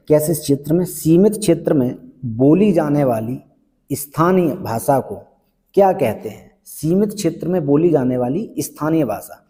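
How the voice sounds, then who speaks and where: Man teaching in a dark, reverberant room. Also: fairly high pitch. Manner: repeats each question and answer for emphasis. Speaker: Hindi exam teacher. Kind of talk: exam prep lesson, question by question.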